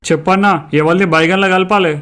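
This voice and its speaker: A man's voice: sits high, steady tone, fast talker, a bit bright. A man playing a brash, crude male campaign worker who threatens voters, in a Telangana Telugu accent. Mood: crude boastful.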